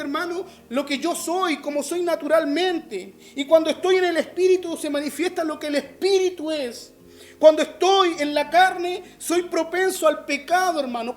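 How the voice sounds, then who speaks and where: A man with a Chilean Spanish accent, a pastor preaching an online sermon and often calling his listeners brother. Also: very high-pitched.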